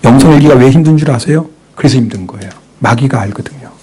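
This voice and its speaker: Husky-voiced male pastor preaching. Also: medium pitch, fast. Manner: animated, asks the congregation questions and answers them; drops to a whisper for inner thoughts. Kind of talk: sermon.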